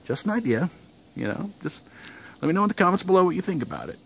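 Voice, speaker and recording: A man's voice: high voice, wildly swooping pitch, fast, a little hiss or hum. A young man telling a casual vlog story outdoors, rambling, with restarts and chuckles. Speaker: vlogger.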